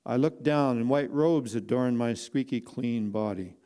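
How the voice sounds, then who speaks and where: A man narrating a first-person inspirational story. He reads slowly and earnestly, leaving dramatic pauses between phrases. His voice is mellow and warm, pitched in the middle range.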